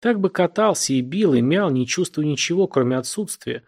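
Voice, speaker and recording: A man narrating a literary novel aloud in a measured, expressive reading. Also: a little high. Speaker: audiobook narrator.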